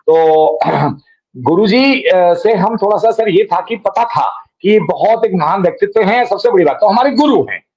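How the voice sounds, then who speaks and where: Middle-aged male guest, high voice, rambling, constant "sir", muffled video-call audio. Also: lively intonation, unhurried, a little mellow. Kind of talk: casual reminiscing on a live online program.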